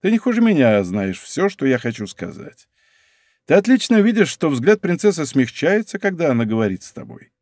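A man's voice: fairly high pitch, big pitch swings, normal speed, a little mellow, dry recording. A man voicing a scheming, hot-tempered young nobleman in an audiobook, with a raised, taunting delivery. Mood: sly. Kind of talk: audiobook character voice.

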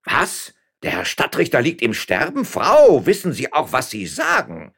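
A man voicing a pompous, blustering mayor who mocks and boasts loudly. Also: medium pitch, big pitch swings, moderate pace, voice pushed up. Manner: boastful, mocking, loud bluster. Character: pompous blustering middle-aged male mayor.

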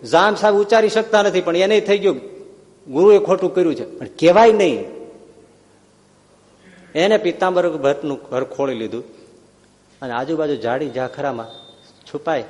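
A man's voice: fairly high pitch, darkish tone. A man narrating a devotional story with dramatic, passionate bursts. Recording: long hall reverb.

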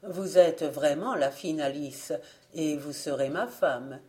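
A woman voicing a calm, firm young man courting a bride. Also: low voice, slow pace. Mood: firm measured.

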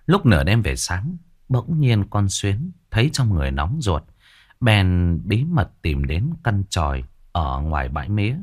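Low, expressive male storyteller. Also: measured pace. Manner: dramatic, expressive. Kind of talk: ghost story narration.

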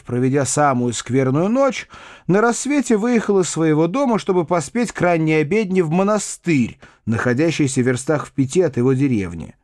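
A man narrating classic fiction in an expressive literary reading. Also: a little high, no echo, clean studio sound. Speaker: audiobook reader.

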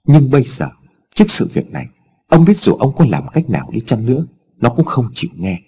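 A man narrating an audiobook in a steady, expressive storytelling voice. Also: medium pitch, fairly quick.

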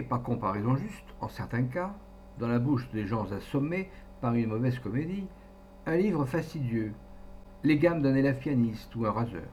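A man giving an expressive literary reading as an audiobook narrator, acting out voices along the way. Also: medium pitch. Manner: animated, acts out the quoted voices. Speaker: audiobook reader. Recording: dull recording with faint hum.

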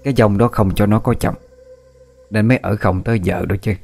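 A man's voice: on the low side, steady tone, brisk, a little mellow. A man voicing a stern, greedy older woman healer who speaks in a dismissive, matter-of-fact way. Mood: ominous.

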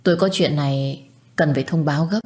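A woman voicing a calm, sympathetic young male doctor who gives hard news gently in a read-aloud story. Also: sits low, brisk, lightly acted. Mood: consoling. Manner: calm and consoling.

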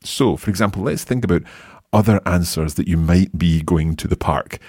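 Deep-voiced man teaching Italian. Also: normal speed, darkish tone, no room sound, studio quality. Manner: clear, patient explaining. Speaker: language teacher, host. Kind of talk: language lesson podcast.

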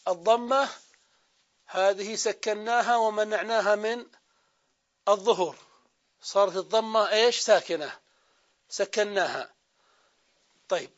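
A man with a Saudi accent teaching a grammar lesson, who asks his own questions, answers them, and drawls out the example words slowly. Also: high voice, lo-fi sound. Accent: Saudi Arabian.

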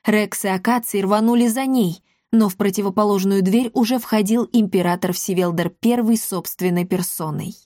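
Brief: woman audiobook reader, mid pitch, dry studio sound. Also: moderate pace, few pauses, mellow, no echo. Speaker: audiobook narrator. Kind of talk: scripted narration.

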